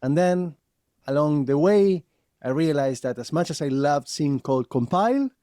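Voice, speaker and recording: A man in his forties from Argentina, a guest telling his career story in a lively, laughing way. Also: on the high side, normal speed, dry recording, studio quality. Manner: animated storyteller, laughs often. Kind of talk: casual interview.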